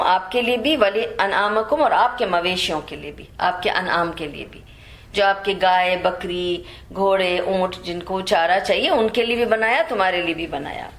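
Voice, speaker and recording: Woman teaching Quran commentary in an echoey room. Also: mid-range voice. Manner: explains in Urdu mixed with English words; recites verses slowly, then explains.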